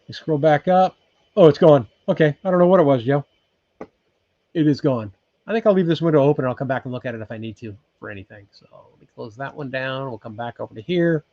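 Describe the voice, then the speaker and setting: This sixties-aged livestream host from California talks fast in a mid-range voice, casually going through viewer comments from his off-grid cabin. He often says um and restarts sentences. There's no echo, but the highs are cut off.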